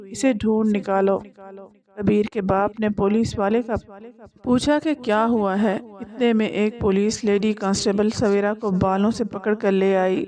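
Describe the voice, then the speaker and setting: A woman tells a moral story in a steady, solemn voice. Her tone is mellow and dark rather than bright, with a mid pitch for a woman.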